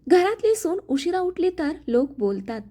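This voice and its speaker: A woman voicing a gentle, patient young bride in a spoken family story, soft and meek. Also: very high voice, sing-song, moderate pace, voice pushed up.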